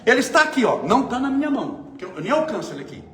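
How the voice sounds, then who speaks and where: A man from São giving a spiritist lecture, telling everyday stories and asking his audience rhetorical questions in a conversational, lively way. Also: extremely high pitch, racing. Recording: echoey room, faint ambient noise.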